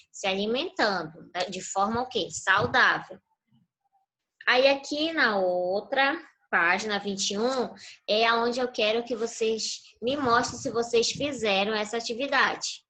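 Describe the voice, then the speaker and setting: A woman's voice: on the high side, a little slow, bright, forceful tone, rough recording. A woman teacher giving a patient online review class to young children over a video call, prompting them with fill-in questions.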